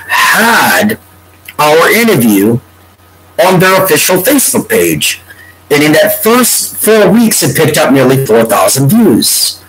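A vlogger in his forties with a congested, stuffy nose rambles at a desk webcam in a home room lined with bookshelves. His mid-range voice comes through a rough recording, and his meandering, drawn-out talk sometimes breaks into humming a tune.

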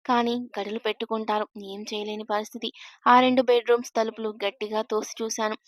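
Flat-voiced woman telling a story. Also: fairly high pitch, fast talker, no room sound, studio quality. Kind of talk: first-person story narration.

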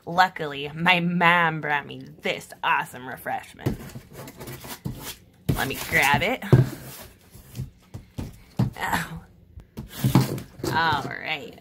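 Woman, comedic art vlog, playful, jokey, addresses viewers, slow delivery, lowish voice. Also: very noisy. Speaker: art vlogger.

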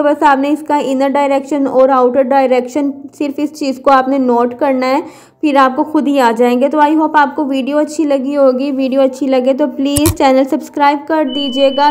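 High-voiced woman teaching hairstyling. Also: a little mellow. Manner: patient, repeats words for emphasis. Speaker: hair stylist teaching a tutorial. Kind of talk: step-by-step voice-over tutorial.

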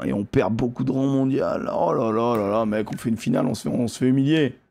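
A man hosting a gaming video, giving live commentary on his play, excitable and swearing often, repeating exclamations and talking straight to his viewers. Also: medium pitch, quick pace, vocal fry. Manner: addresses viewers directly.

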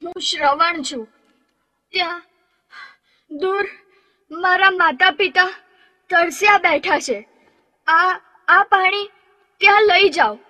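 A woman voicing Shravan, a gentle, dutiful young son in an animated storybook, speaking earnestly and tenderly. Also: sits high, unhurried, big-room sound, full character voice, low-quality recording. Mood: dying, pleading.

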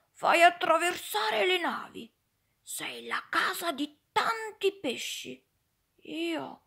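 A woman's voice: high voice, creaky, breathy edge, exaggerated voice. A woman voicing a glum little pebble. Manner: soft, hushed, downcast. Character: small glum pebble boy, feels worthless.

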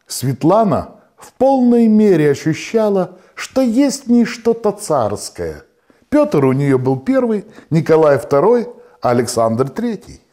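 A man telling comic jokes with animated delivery, acting out each character in the joke. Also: sits high, measured pace, noisy background. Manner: animated, acts out the quoted characters. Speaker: joke teller.

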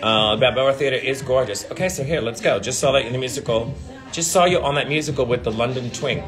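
Speaking fast at a medium pitch over music, a drag performer in his forties keeps up casual livestream chat with viewers. He is brash, profane and sardonic, and holds the phone at arm's length. The stream moves from an indoor hotel hallway to an elevator.

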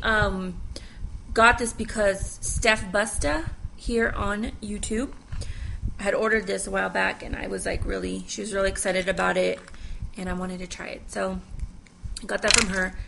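Chatty woman with a creaky voice. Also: medium pitch, a bit bright, a little hiss or hum, low-quality recording. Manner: chatty, rambling, self-deprecating asides. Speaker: makeup vlogger. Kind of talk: casual makeup tutorial. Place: at home.

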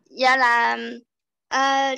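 Woman, student, high pitch, creaky, polite, hesitant. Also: level tone, very slow, pushed and bright, dry recording.

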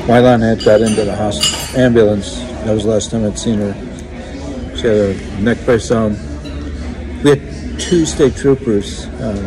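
An older man speaking into a phone held close, his voice sitting fairly low. He talks in a halting, reflective way, full of pauses and fillers, while a crowd chatters clearly around him in a busy indoor room. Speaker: vlogger. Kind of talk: casual recounting to camera. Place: indoors in a wood-panelled restaurant or bar. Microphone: phone held close, selfie framing.

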